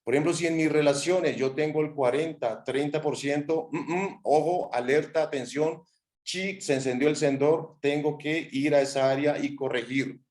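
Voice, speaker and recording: A man giving a motivational talk to a class, expressive, with sound words and acted-out quotes. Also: fairly high pitch, normal speed. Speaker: motivational speaker. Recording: echoey room.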